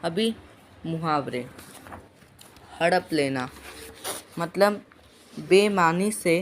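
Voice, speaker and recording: Man, tutor, casual lesson explanation, slightly high pitch. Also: expressive, very slow, slight background noise. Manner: casual, explanatory, correcting himself aloud. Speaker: Hindi tutor. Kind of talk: reading a lesson aloud and explaining word meanings.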